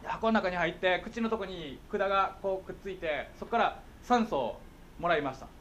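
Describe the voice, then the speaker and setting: A man's voice: high-pitched, normal speed, fairly bright tone, muffled recording, a little hiss or hum. A middle-aged man with a Kansai accent, giving a playful, jokey talk to schoolchildren as a guest speaker and often checking that they follow. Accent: Kansai Japanese. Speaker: guest speaker on visual impairment.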